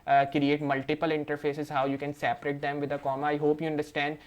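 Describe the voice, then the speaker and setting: A man's voice: fairly high pitch, monotone, quick pace, dull audio. Brief: male tutor, screen-recorded coding walkthrough, explains each step as he goes, heavy on verbal fillers. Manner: walks through steps while working; leans on fillers like "you can say". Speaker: programming tutor.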